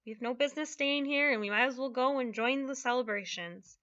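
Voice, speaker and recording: A woman's voice: sits high, brisk, no room sound, muffled recording. A woman doing a stern older witch professor. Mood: brisk. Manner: clipped, scolding, hushed.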